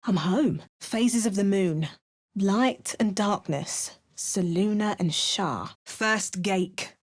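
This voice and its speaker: Speaking very slowly in a medium pitch, a woman voices a female adventurer hero who is wry and dramatic. These are parody game voice lines, delivered in an exaggerated mock Cockney accent with hammy spell chants.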